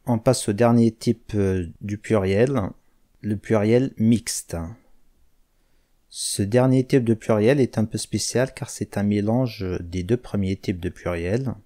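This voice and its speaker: A man with a low, dark voice gives a language lesson at a very slow, careful pace. He spells out each word and pairs it with its meaning, one at a time. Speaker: language teacher.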